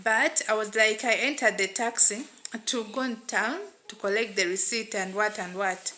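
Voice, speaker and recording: A woman's voice: medium pitch, moderate pace, sharp tone. A woman with a Ugandan accent telling a first-person story in a plain, repetitive way. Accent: Ugandan English. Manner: repetitive, plain retelling with "what and what" fillers.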